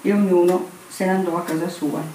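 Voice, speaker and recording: Woman calmly reading scripture aloud. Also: on the low side, a little fast. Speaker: scripture reader. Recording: echoey room, distant mic, faint noise.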